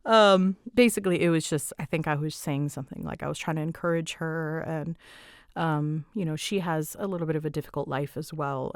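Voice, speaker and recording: A low-pitched, creaky young woman chats casually, recorded dry with clean studio sound. An audio roleplay creator answering fan questions, she gives animated retellings full of quoted asides and giggles.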